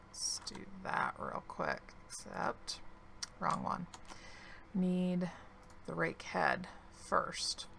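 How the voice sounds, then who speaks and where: With a gravelly, fairly low and somewhat bright voice, this woman talks slowly against slight background noise. She's a gaming creator doing laid-back let's-play commentary, musing aloud while playing, her voice fading as she clears her throat.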